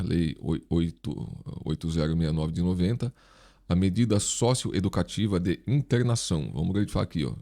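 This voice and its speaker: His voice is deep, gravelly and mellow. He's a Brazilian online video host and instructor giving a relaxed exam review lesson, with a dental retainer slightly hindering his articulation.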